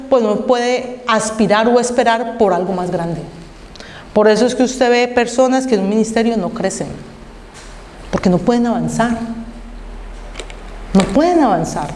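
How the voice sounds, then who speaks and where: A woman pastor preaching a sermon, reading scripture slowly and asking the congregation rhetorical questions. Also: fairly high pitch, darkish tone. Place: church hall. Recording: echoey church hall with long reverb.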